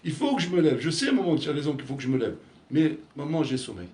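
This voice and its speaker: A man's voice: a little high, big pitch swings, fast talker. A man doing a sleepy little girl begging to stay in bed. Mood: drowsy pleading. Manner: drowsy, soft pleading.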